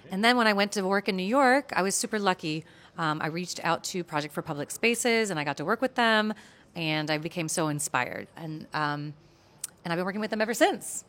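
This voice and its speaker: A woman's voice: lowish voice, fairly bright tone. An American woman speaking at a panel in a chatty, conversational way, with many fillers and restarts. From United States. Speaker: guest speaker at an urban planning event.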